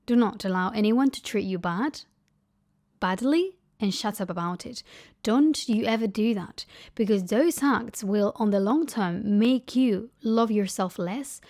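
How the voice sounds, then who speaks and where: A young woman vlogging a casual story to camera, animated, acting out quotes with big pitch jumps and dropping to a whisper for asides. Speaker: lifestyle vlogger.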